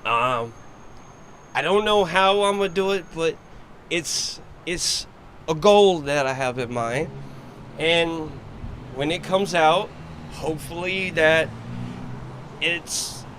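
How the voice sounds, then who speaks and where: A man's voice: a little high, animated, slow pace, pauses often. A man sharing his personal testimony, earnest, on a bench outdoors. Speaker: shelter guest sharing testimony. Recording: outdoor traffic noise.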